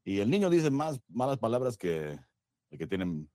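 A man joining as a guest on a casual podcast chat, talking in halting, restarted sentences about his kids. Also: medium pitch, big pitch swings, warm tone, dry recording, studio quality.

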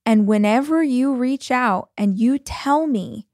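A woman's voice: a little high, takes it slowly, a little mellow, no echo. Chatty woman in her forties, dry sound. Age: 40s. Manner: chatty, fills speech with 'like'. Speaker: podcast host. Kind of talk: casual personal storytelling.

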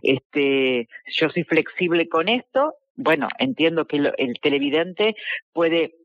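A woman's voice: low-pitched, lively intonation, takes it slowly, no echo. A woman with an Argentine accent, a football commentator answering interview questions in a confident, reflective way. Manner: confident, reflective, frequent "este" fillers. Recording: dull lo-fi dry sound.

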